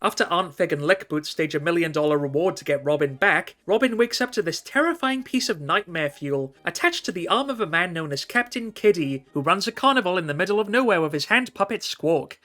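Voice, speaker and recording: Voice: mid-range voice, animated, brisk, hardly any pauses, fairly bright tone. Sarcastic movie reviewer with a mid-range voice. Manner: sarcastic, mock-exasperated. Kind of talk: scripted comedic review narration.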